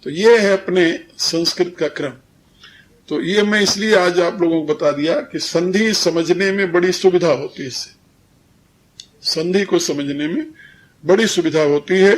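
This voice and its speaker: A man teaching Sanskrit pronunciation in a devotional discourse, speaking slowly and repeating words for his listeners. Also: high voice. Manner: slow, didactic, repeats and drills words, chuckles. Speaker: spiritual teacher.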